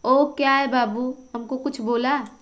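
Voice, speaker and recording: Woman reading as a gruff male Pathan traveller. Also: sits high, steady tone, measured pace, fairly bright tone. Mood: scolding. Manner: broken Hindi, gruff threats. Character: rough-spoken male Pathan traveller, teasing then threatening.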